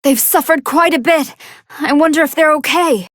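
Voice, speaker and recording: A woman voicing a polite, soft-hearted female android scientist who gives formal, earnest and expressive commentary on fights in a video game. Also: sits high, moderate pace, dry recording, clean studio sound. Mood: composed, curious. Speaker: match commentator.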